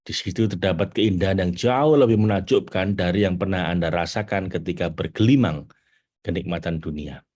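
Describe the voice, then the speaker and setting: Man, middle-aged, lowish voice, lively spiritual teaching talk, excited high bursts, slow read-out quotes. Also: husky. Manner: animated, rising to high excited bursts, reads quotes slowly. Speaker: spiritual trainer.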